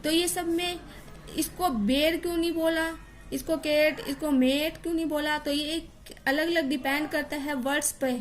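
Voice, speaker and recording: A woman's voice: high voice, level tone, normal speed. A woman teacher explaining English pronunciation, repeating words and spelling out letters to drill each sound.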